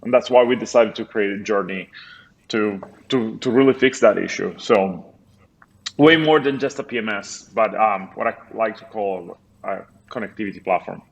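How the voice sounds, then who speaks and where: An Italian company founder, speaking with an Italian accent, is a guest on a podcast over a remote call, chatting casually but thoughtfully with many hesitations. His lowish voice is creaky and at normal speed, in a low-quality recording.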